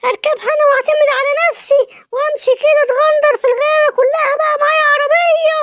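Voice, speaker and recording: A woman voicing a boastful, excited young boy in an Egyptian Arabic cartoon, showing off and shouting. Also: very high voice, racing, dry recording. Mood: gleeful. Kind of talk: cartoon voice acting.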